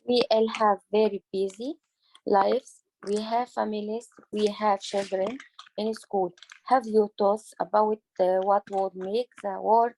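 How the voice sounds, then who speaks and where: A woman from Egypt, an English learner who leads a class discussion in a slow, deliberate way with small hesitations. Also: medium pitch, fairly even intonation, a little mellow, slight background noise, low-quality recording. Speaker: adult English learner leading a class talk.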